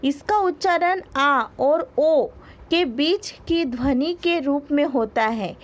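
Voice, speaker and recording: A woman's voice: high voice, slow pace. A woman teaching a school grammar lesson. She asks questions and answers them herself, repeats key words and stretches out her examples.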